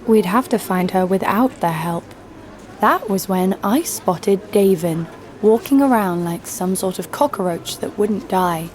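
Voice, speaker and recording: Here a woman voices a fearless bounty hunter with a sardonic streak, wryly recounting her story in dry, snarky first-person narration for an audio drama. Her medium-pitched, darkish voice is expressive, lightly acted and a little slow. Music plays under it, along with a slight hiss or hum.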